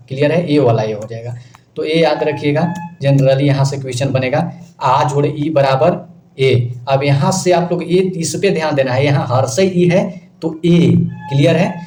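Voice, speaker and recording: A man teaching an exam-prep grammar lesson, who keeps quizzing his listeners and asking if it is clear. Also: a little high, mellow. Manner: repeats questions to the class, often asks "clear?". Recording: echoey room with faint noise.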